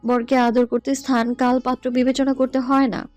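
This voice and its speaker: A woman's voice: high voice, level tone, normal speed, darkish tone, dry recording, faint music behind, lightly acted. A woman playing a stubborn young student who talks back with defiance and a teasing, playful edge in an audio love story.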